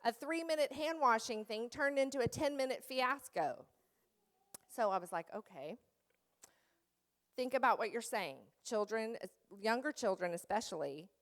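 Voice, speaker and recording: A woman's voice: a little high, animated, moderate pace. A middle-aged woman giving a teacher training talk in a church, telling classroom stories and acting out the children and her own commands. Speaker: children's Sunday school teacher.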